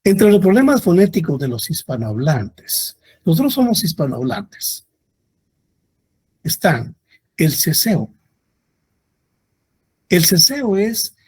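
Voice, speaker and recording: A man giving a classroom lecture, speaking slowly and deliberately and repeating examples for his students. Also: fairly high pitch, a little mellow, breathy edge. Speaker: university lecturer.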